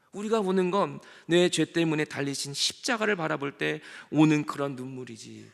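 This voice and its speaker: Gravelly Korean pastor preaching in a hall. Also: male voice, fairly high pitch, a bit bright. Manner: emphatic, rising and falling sharply, dropping to near whispers. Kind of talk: sermon. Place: church sanctuary. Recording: long church hall reverb.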